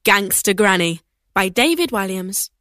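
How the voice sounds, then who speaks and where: A woman reading excerpts from several children's and teen books aloud, with expressive, animated storytelling. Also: mid-range voice, measured pace, no echo. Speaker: reader.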